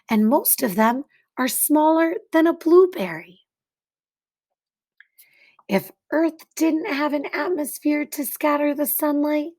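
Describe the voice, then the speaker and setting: Reading a children's picture book the way a teacher would, a woman with a high voice delivers each line deliberately and expressively, pausing for drama.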